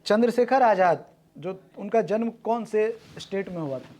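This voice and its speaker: A male teacher running a brisk classroom quiz, calling on students and repeating their answers back. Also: high voice, expressive, dark tone.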